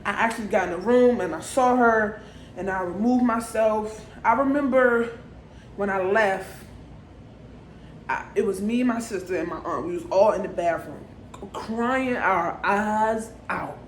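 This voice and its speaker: A woman in her twenties tells a personal story straight to her viewers, in a loose, chatty way full of small asides. Her voice sits at an everyday middle pitch for a woman. The room around her adds a noticeable echo. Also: unhurried, slight background noise. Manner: conversational, frequent "okay?" and "like" asides to viewers. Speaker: vlogger. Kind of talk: casual personal storytelling to camera. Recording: roomy echo.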